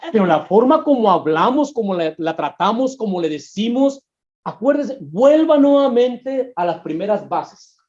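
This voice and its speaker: Preaching about relationships, this pastor speaks in a high, animated voice at a moderate pace, his darkish tone rising and falling for emphasis. He addresses the congregation as brothers, captured on a dull, muffled recording.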